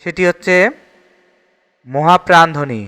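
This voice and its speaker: A man's voice: on the high side, unhurried, sharp tone, in a large hall. A man with a Bangladeshi Bengali accent teaching an exam-prep grammar lesson, steadily reading each question and repeating the answer.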